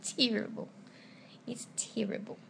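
A woman's voice: unhurried, fairly bright tone, a little hiss or hum. A young woman chatting casually on a travel vlog, giggly and teasing. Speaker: travel vlogger. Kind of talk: casual chat.

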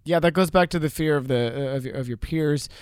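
A man with a smooth, resonant, fairly high voice co-hosts a casual faith podcast. The sound is dry and close, and he stretches out words for emphasis between jokes. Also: fairly quick, no room sound. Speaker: podcast co-host.

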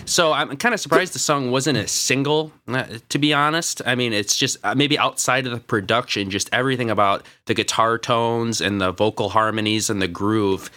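A man's voice: medium pitch, steady tone, normal speed, hardly any pauses, bright, forceful tone. A man co-hosting a podcast, talking casually about an album with many fillers. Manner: rambling, filler-heavy music talk. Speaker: podcast co-host. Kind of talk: casual chat.

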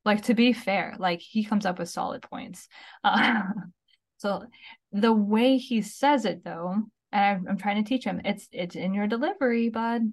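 A woman's voice: medium pitch, measured pace. A woman in her thirties co-hosting a talk podcast, giving casual advice in a chatty way, often checking in with "okay?" and "right?". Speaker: podcast co-host.

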